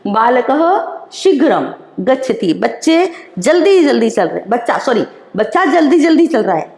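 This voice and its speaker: A woman teacher, explaining slowly and repeating each example in an online class lesson. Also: a little high, sing-song, gravelly, a little mellow. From India. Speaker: school teacher. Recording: roomy echo.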